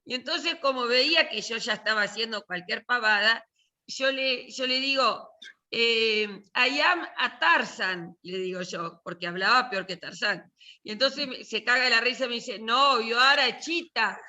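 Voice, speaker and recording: A woman's voice: a little high, normal speed, pushed and bright. An older woman with an Argentine accent, teaching a literature and film class in a chatty, joking, colloquial way over a video call. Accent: Argentine Spanish. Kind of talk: casual online class talk.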